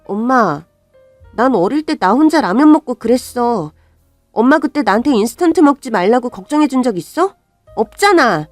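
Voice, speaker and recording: Voiced by a woman, a resentful teenage daughter answers her mother back in a sulky, pleading tone, her high voice swinging up and down. The sound is dry with faint music behind. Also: very animated, normal speed, dry recording. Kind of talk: storybook radio drama.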